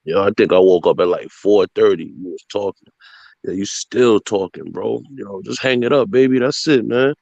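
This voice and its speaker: Low-voiced Brooklyn man, teasing street slang. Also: normal speed, vocal fry, darkish tone, no room sound, lo-fi sound. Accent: Brooklyn, New York. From Brooklyn, New York, USA. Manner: repetitive, teasing, interjecting. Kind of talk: casual live-stream banter with heavy street slang.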